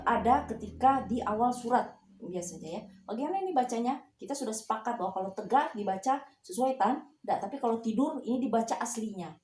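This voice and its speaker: A woman teaching Quran reading, chanting letters slowly and pausing with fillers. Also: on the high side, dark tone, reverberant. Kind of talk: slow recitation lesson.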